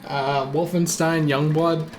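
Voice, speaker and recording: A man's voice: a little high, little pitch movement, takes it slowly. Laid-back, chuckling man gaming. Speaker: co-host. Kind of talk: casual gaming chat while playing. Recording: game music playing behind.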